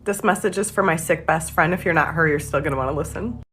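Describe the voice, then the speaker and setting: A young woman delivering a comic message to a friend with dark, deadpan jokes. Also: sits low, fast, husky.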